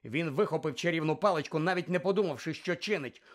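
A man narrating an audiobook with lively, expressive delivery. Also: a little high, quick pace.

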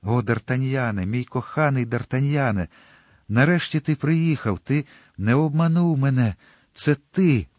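A man's voice: mid-range voice, measured pace, a little mellow, no room sound, clean studio sound, pitched above the performer's own voice, natural voice. A man voicing a frail, loving young woman in a storybook reading, with a raised, breathless, pleading delivery. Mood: joyful.

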